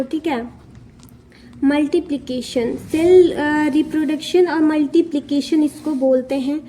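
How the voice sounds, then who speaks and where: Slow, soft-toned young woman teaching. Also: extremely high pitch. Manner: repeats key terms and checks in with "theek hai". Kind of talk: exam-prep lesson, mixing Hindi and English.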